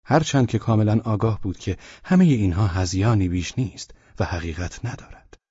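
Deep, husky male audiobook narrator. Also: expressive, mellow, dry recording, muffled recording. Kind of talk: scripted narration of a novel.

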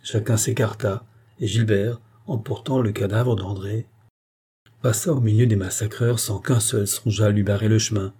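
A man narrates a classic novel as an audiobook in a measured, solemn manner. His voice is low and dark, with a husky grain running through it. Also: fairly even intonation. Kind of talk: scripted narration.

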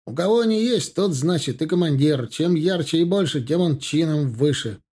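A man voicing a young rifleman in an audiobook, shouting instructions to a comrade. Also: on the high side, expressive, moderate pace, breathy edge. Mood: urgent. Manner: shouting advice.

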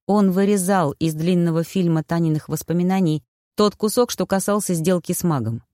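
Audiobook narrator, even steady delivery, mid pitch, dry close studio sound. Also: moderate pace, dry recording. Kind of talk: scripted narration.

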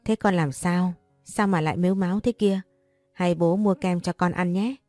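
A woman voicing a doting, flustered father who coaxes his young daughter, in a low, dark reading voice. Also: steady tone, moderate pace, faint music behind, lightly acted. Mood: coaxing. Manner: coaxing, then scolding.

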